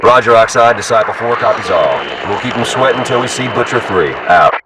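A man's voice: medium pitch, brisk. A man playing a male soldier reporting in with radio callsigns, heard over a military radio. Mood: steady. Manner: steady radio procedure with callsigns and hesitant fillers. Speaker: field unit radio operator. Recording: distant noisy radio transmission.

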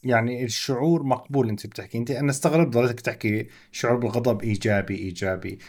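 A man's voice: mid-range voice, very fast, darkish tone. A man with a Levantine Arabic accent hosting a podcast, questioning and pushing back on his guest's points. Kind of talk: conversational interview.

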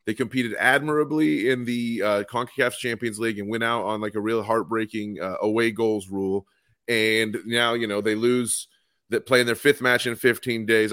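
A man's voice: fairly low pitch, a bit bright, dry recording, clean studio sound. A man co-hosting a casual sports podcast, chatty and enthusiastic as he reads out fan replies. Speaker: podcast co-host. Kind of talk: casual chat.

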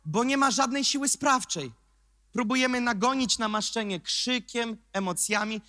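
A Polish man preaching a sermon in an emphatic, sarcastic way that builds to shouts. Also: extremely high pitch, moderate pace, no room sound, clean studio sound.

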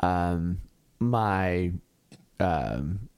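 In a casual interview, this Kentucky-born musician in his early thirties speaks in a deep, smooth, slightly mellow voice, animated and drawing out his words. He keeps it laid-back, filling his talk with "like" and "uh."

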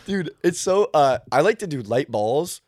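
A man's voice: on the high side, lively intonation, moderate pace, darkish tone, dry recording, clean studio sound. A young man hosting a podcast in casual chat, telling stories in a slangy, joking way. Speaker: podcast host.

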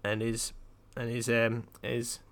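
Young man, deadpan, rambling, casual podcast chat, flat delivery. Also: mid-range voice, slow. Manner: deadpan, rambling joke-telling. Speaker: podcast co-host.

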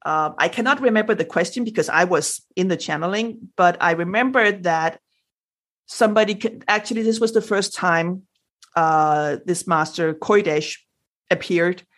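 She is a Danish woman from Denmark, a native Danish speaker with a Danish accent, featured animatedly as a spiritual guest in a podcast interview. Her voice is lowish and fairly bright at a normal speed. Fillers and many restarts fill her talk, and sound effects are heard.

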